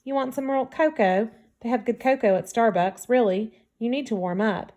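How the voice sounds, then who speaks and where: Blind teen girl, blunt and quick to anger, playful streak; audiobook part read by a woman in a lightly lifted voice. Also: on the high side, mellow, natural voice. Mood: caring. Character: blind teenage girl, frank and quick-tempered.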